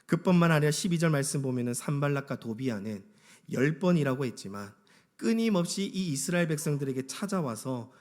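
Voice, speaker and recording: Male pastor, slightly high voice, dramatic preaching from loud to hushed, acts out quotes in a church. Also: lively intonation, a little fast. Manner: dramatic, swings from loud urging to near whispers. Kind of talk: sermon. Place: church sanctuary.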